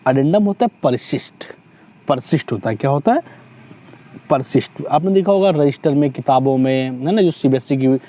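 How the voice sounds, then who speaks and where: A man teaching a vocabulary lesson, who explains slowly, repeats each meaning and often adds a tag question. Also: mid-range voice, warm tone, no echo.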